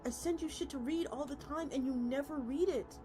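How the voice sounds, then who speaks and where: A woman streamer's high voice moves fairly quickly as she reads a story with acted dialogue and chats with her viewers as a VTuber. Music plays behind her voice.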